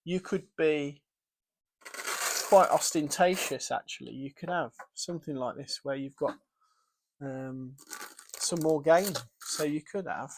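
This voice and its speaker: A man's voice: a little high, measured pace, long pauses, noisy background. A British man casually walking through his guitar pedalboard setup, thinking aloud with fillers and restarts. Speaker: guitar gear presenter. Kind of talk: casual gear demo.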